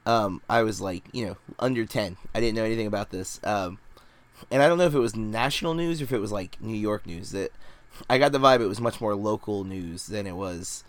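A man's voice: on the low side, a little fast, no room sound. A man in his forties hosting a casual film review podcast, talking in a rambling way with lots of fillers and hedges. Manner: rambling, hedging, many fillers. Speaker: podcast host reviewing films.

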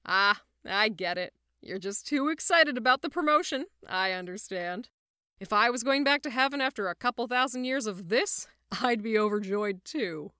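A woman's voice: on the high side, lively intonation, normal speed, sharp tone, clear, resonant tone, dry recording, studio quality. A woman voicing an upbeat, bossy male archangel who talks in a breezy, oblivious way.

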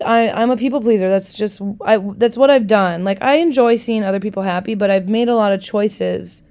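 A woman's voice: medium pitch, darkish tone, clean tone. A woman in her thirties from Wisconsin, hosting her podcast in a bubbly, chatty way, talking straight to her listeners with slang. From Milwaukee, Wisconsin. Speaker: podcast host. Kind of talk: casual chat.

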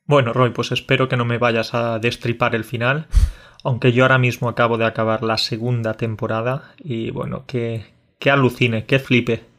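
A man's voice: mid-range voice, level tone, normal speed, fairly bright tone. Playful Andalusian man in casual chat. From Andalusia, Spain. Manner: friendly, joking, playful. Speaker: podcast co-host. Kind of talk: casual conversation.

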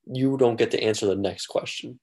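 A man's voice: mid-range voice, brisk, a little mellow. A man in a casual podcast chat, talking hesitantly, with many restarts and fillers.

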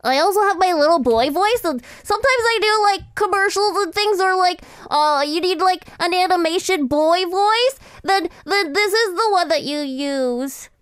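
A woman putting on a young boy's voice, high and light like a cartoon child. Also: normal speed, few pauses, dry recording, clean studio sound. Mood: playful. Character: little boy, young and playful.

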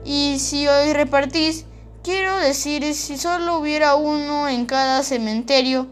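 Lady reading as a nervous little boy, high voice, lots of worried questions. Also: fairly even intonation, a little slow, faint music behind. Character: timid curious young boy.

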